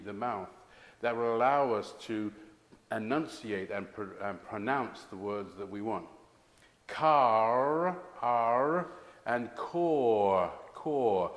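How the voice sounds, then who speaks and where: Slow, enunciating male ESL teacher. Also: lowish voice. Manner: slow, deliberate enunciation with drawn-out example words. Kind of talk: pronunciation lesson. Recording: echoey room with long reverb.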